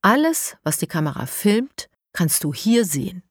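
A woman's voice: fairly low pitch, a little slow, husky, no echo, studio quality, exaggerated voice. A woman voicing a curious, handy young girl in a children's audiobook. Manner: lively, curious.

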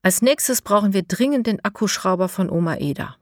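A woman's voice: mid-range voice, expressive, brisk, no echo, studio quality, close to an everyday voice. A woman voicing a practical girl planning ahead, in a storybook reading.

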